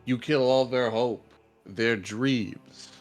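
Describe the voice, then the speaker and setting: A man's voice: medium pitch, steady tone, slow, close to an everyday voice. A man playing a grave, defiant hero in a tabletop game, speaking in a solemn, declamatory way. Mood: solemn, accusing. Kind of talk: in-character tabletop role-play speech. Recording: music behind the voice.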